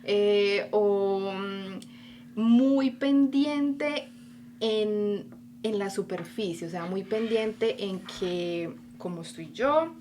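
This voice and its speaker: A woman's voice: medium pitch, lively intonation, drawn-out words, a little mellow. A Colombian woman speaks as a podcast guest, with a Colombian accent and a voice that sits in the middle register. She tells her story animatedly, slipping into little acted-out versions of her own inner voice. There is a faint hum of noise behind her. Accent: Colombian Spanish. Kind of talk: casual interview conversation.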